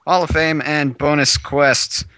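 Bright, rambling gaming host. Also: male voice, fairly high pitch, fairly even intonation, measured pace, clean tone. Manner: hesitant, rambling, lots of fillers and giggles. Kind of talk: casual let's-play chat.

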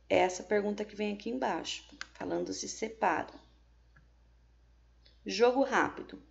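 A woman's voice: mid-range voice, vocal fry, lo-fi sound. A woman with a Brazilian Portuguese accent, teaching a remote lesson to young pupils and explaining each step patiently, with frequent checks. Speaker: primary school teacher.

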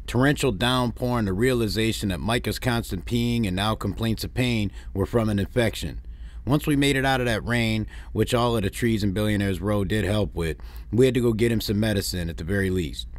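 A man's voice: fairly low pitch, brisk, no echo. A man from Detroit narrating a family road-trip vlog in a plainspoken, wry way, with dry complaints. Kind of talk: narrated travel recap.

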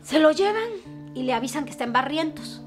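A woman's voice: high voice, expressive, a little fast. A middle-aged woman with a Mexican Spanish accent, grieving, telling a painful story with anguish and voicing the words of others. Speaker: interviewee, bereaved mother. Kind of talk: emotional personal testimony. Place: her family home. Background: soft guitar music.

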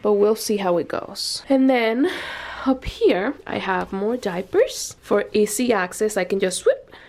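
A woman's voice: medium pitch, unhurried, a little mellow. Chatty young woman giving a home tour. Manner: chatty, explaining items one by one with fillers. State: pregnant, briefly out of breath. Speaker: vlogger. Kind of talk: casual home tour vlog. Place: home nursery room.

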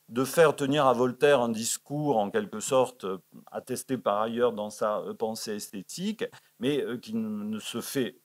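A man presenting a scholarly paper at a conference in a library auditorium. He sprinkles his delivery with fillers like "hein" and "euh" and reads verse quotations with raised emphasis. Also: medium pitch. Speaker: conference speaker. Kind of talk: academic conference talk.

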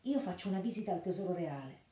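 A woman voicing a loyal male outlaw in a storybook reading, talking in a hushed, urgent way. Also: on the low side, animated, racing, close to an everyday voice. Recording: roomy echo.

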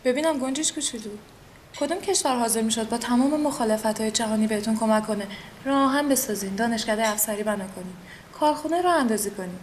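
Woman as a condescending, taunting salon guest; high voice. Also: slight background noise, close to an everyday voice. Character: mocking, provocative woman at a salon. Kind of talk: period TV drama acting.

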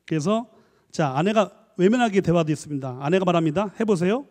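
A man, a professor, giving a lively church lecture, acting out little dialogues and coaxing his listeners. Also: high voice, fast. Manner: animated, acts out dialogues, coaxing the audience. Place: church hall. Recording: long hall reverb.

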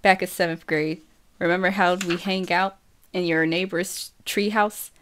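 A woman's voice: on the low side, steady tone, unhurried, a bit bright, a little hiss or hum. A woman voicing an easygoing, teasing teenage boy in an audiobook reading, with a laid-back, plain delivery.

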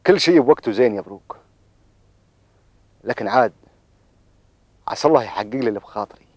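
A man's voice: medium pitch, lively intonation, fast talker, a little mellow, dry recording, lightly acted. An actor in his thirties playing a lovestruck, troubled Bedouin man in a television drama, hesitant, with a Bedouin Arabic accent. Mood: tender, longing.

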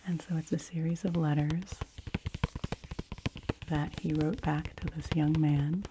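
A woman in her forties doing soft-spoken ASMR book talk in a hushed library whisper, gently and close to the microphone. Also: low voice, steady tone, noisy background. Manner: hushed, gentle, slow, often dropping into an unvoiced whisper. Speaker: ASMR video creator reviewing library books. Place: small home room with a bookshelf. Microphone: fur-covered microphone close in front of her.

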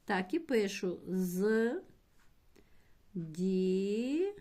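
Slow, patient woman teacher. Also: mid-range voice, animated. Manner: slow, patient explaining, addressing pupils directly; spells out words syllable by syllable. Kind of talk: primary school language lesson.

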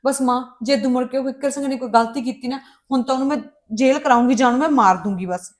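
A bitter, resolute young daughter, played by a woman, presses her mother in a family drama scene. Her voice sits a little high, and her words come out indignant and insistent. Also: fast talker, natural voice. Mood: calmer. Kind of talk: Punjabi family drama dialogue.

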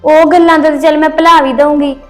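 A woman's voice: sits high, level tone, fast, faint music behind, natural voice. A woman playing a fed-up young wife. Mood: resentful. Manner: resentful, complaining. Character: fed-up young wife resenting her in-laws.

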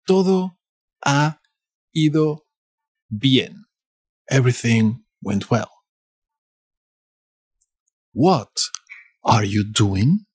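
A man with a Castilian Spanish accent teaching a language lesson, repeating each phrase slowly and explaining grammar in asides. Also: mid-range voice, animated, a little mellow, husky, no echo, studio quality. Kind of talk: slow bilingual phrase lesson.

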